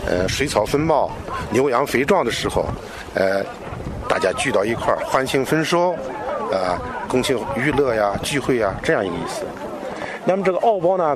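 A man speaking as a local guide, explaining things off the cuff to an interviewer in a halting, repetitive way. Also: medium pitch. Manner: halting, repeats phrases, frequent filler particles. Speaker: local culture expert and guide. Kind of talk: unscripted explanatory talk to an interviewer. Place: outdoors. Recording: noisy outdoor location recording.

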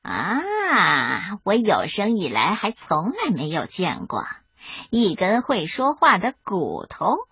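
Woman putting on a slow, gloating sly fox. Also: mid-range voice, wildly swooping pitch, a bit bright, slightly rough, no room sound, pitched below the performer's own voice, full character voice. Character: sly male fox gentleman, hungry, smooth. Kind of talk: storybook reading. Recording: dull lo-fi recording, faint music.

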